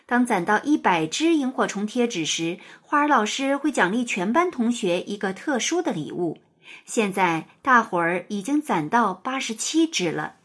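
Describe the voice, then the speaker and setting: A woman narrating a children's story in an expressive, sing-song storytelling manner. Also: medium pitch, moderate pace.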